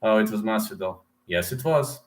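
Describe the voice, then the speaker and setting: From his desk mic, a man with a Serbian accent and a fairly low voice runs a relaxed livestream about fight picks, reading chat and answering viewers in English as he goes. He speaks at a moderate pace, repeats words, and fills his talk with lots of "uh"s.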